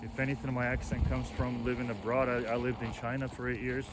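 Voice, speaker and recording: A Russian vlogger in his forties, with a Russian accent, chats in a relaxed, meandering way while riding on snowy roads, talking fast at a medium pitch and correcting himself as he goes. His action camera mic picks up loud wind and road noise outdoors.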